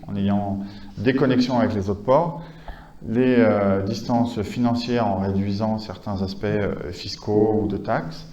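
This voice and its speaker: A man's voice: on the low side, mellow, roomy sound, lo-fi sound. A man giving a conference lecture, talking with many hesitations, fillers and restarts. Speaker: conference speaker.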